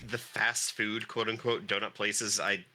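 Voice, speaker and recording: A man from Canada chatting casually, blunt but halting, often repeating his words as he gives opinions. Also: on the low side, flat delivery, bright, forceful tone, no room sound, poor audio. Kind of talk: casual chat, giving opinions.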